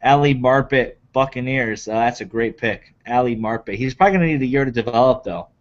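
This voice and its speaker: A man co-hosting a sports draft show talks in a casual, chatty way as he runs down the picks. His voice sits at an ordinary pitch. The recording is dull and a little lo-fi. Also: brisk. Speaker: co-host of draft podcast.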